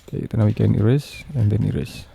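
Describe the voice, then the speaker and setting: In an unscripted, step-by-step software tutorial, a man narrates in halting, repetitive phrases, hesitating often. His voice is on the low side, creaky and husky, with a steady tone.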